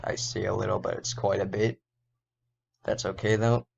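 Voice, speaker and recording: A man explaining an animation as a casual tutorial, thinking aloud and correcting himself, his voice a little hoarse. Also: fairly low pitch, little pitch movement, normal speed. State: slightly hoarse. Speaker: indie game developer and animator. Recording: dull lo-fi recording.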